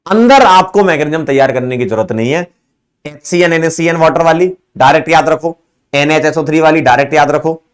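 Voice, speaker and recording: A man's voice: fairly high pitch, smooth. A male chemistry teacher wrapping up an online lecture, chatting casually and joking with his students, laughing often. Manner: playful, joking, laughs often, calls students 'beta' and 'bhai'.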